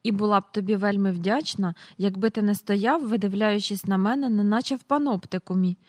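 Lady doing a strict proud nanny, curt and sharp, dry sound. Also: medium pitch, a little fast, no echo, close to an everyday voice. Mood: stern.

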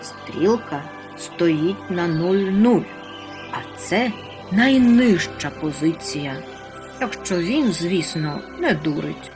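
Woman reading dad-type storybook critter, calm, explains stuff, sing-songy. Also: fairly low pitch, takes it slowly, music in the background. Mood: grave. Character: kindly fatherly storybook creature, wise.

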